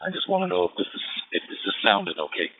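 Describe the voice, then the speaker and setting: A man's voice: low voice, huge pitch swings, quick pace. A man, an amateur radio operator, talking over a radio link with call-sign procedure and many fillers. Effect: heard over a radio link. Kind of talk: ham radio contact. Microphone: wireless headset. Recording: tinny narrow radio audio with faint noise.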